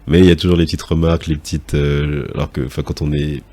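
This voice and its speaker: A man's voice: very deep voice, flat delivery, mellow. A man hosting a podcast interview, asking questions and closing the episode in a friendly way. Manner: friendly, fast, wraps up with outro. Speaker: podcast host.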